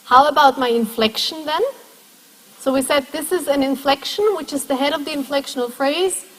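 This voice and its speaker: A woman's voice: high-pitched, normal speed. A woman lecturer in a classroom lecture, explaining step by step and putting questions to the class. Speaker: university lecturer. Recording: long echo of a lecture hall.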